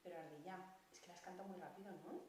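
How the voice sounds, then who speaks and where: A woman's voice: fairly low pitch, fast. Playful woman teaching kids music, echoey. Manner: animated, playful, talking to children. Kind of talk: children's music lesson with puppets. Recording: very echoey, distant mic.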